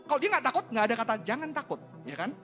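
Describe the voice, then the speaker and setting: Animated high-voiced male preacher. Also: rapid-fire, faint music behind. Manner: animated and conversational, rhetorical questions, slangy asides. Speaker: pastor. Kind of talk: sermon.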